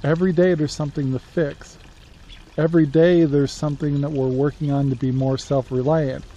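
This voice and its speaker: A man's voice: fairly high pitch, little pitch movement, normal speed, dark tone. A man in his sixties chatting casually outdoors in a rural yard for his homesteading vlog, plainspoken, with many filler words. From Central Oregon, USA. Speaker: homesteading vlogger. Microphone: handheld camera at arm's length. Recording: dull lo-fi sound with faint outdoor noise.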